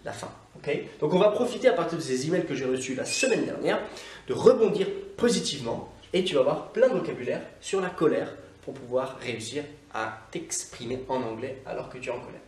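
A man's voice: mid-range voice, expressive, a little mellow, a little hiss or hum. Guy teaching english casually, lots of euh, bit far from the mic in an echoey room. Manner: chatty, many "euh" fillers, slow drawn-out English examples. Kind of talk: casual video lesson.

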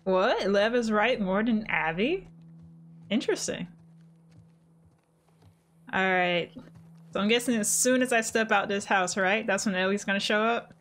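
A woman's voice: medium pitch, animated, a little slow, pauses often, a bit bright, slight background noise. A woman doing casual, playful and chatty commentary as she plays a game. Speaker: gamer, let's player.

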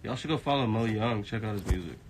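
A man's voice: lowish voice, fast. A man telling stories in casual, slangy studio banter. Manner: laid-back storytelling, slangy. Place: recording studio.

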